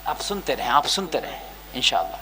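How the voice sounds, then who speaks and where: A man preaching an emotional sermon, dropping to a hush and then shouting, with sighing cries in between. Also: mid-range voice, big pitch swings, a crowd in the background. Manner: swings from hushed to shouting, sighs and wails. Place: gathering with a live crowd.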